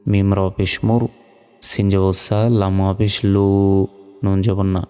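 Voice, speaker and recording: A man's voice: low-pitched, completely flat delivery, a little slow, mellow, smooth, long reverb tail, soft background music. A man teaching Quran reading, spelling out each letter and vowel mark syllable by syllable. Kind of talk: step-by-step spelling lesson.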